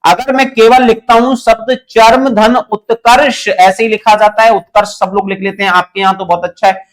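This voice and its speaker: A man's voice: sits high, level tone, moderate pace. A young man teaching a Hindi grammar lesson for exam students, explaining step by step, repeating key points and asking his students questions. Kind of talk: online exam-prep lesson.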